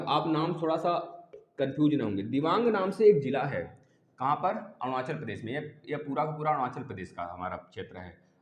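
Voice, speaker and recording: Man teaching in an echoey room. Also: medium pitch. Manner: repeats key terms and quizzes students. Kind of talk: exam-prep geography lecture. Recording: echoey room with long reverb.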